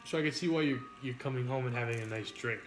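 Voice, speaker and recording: Over soft background music, a livestream mukbang host talks quickly in a mid-range voice, munching pizza and responding to viewer comments. His chat is casual, rambling and playful, with a bit of swearing, and the room sounds echoey with background noise.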